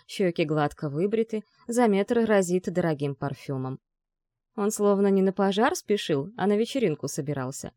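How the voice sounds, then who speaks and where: Woman, audiobook reader, expressive, dry close sound, mid pitch. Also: no echo. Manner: reads dialogue in raised, urgent tones. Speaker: audiobook narrator.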